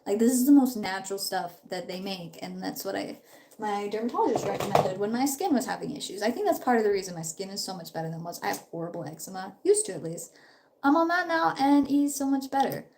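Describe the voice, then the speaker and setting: In a mid-range, darkish voice, a young woman in her twenties talks fast and animatedly, with a little hiss or hum on the audio. She's slightly sick but upbeat, rambling through a casual live stream while doing her makeup at home in her parents' house.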